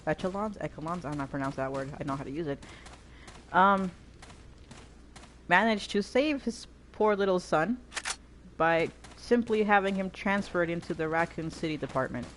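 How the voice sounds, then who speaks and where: A woman's voice: lowish voice, expressive, moderate pace, pauses often, a little hiss or hum. A woman giving scattered, self-deprecating commentary while playing a game. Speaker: gamer reviewing a film. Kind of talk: casual rambling commentary.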